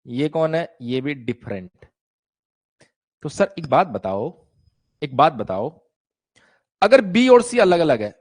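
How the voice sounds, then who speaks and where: Man, physics teacher, fairly high voice, chatty, teasing, acts out voices, live online class.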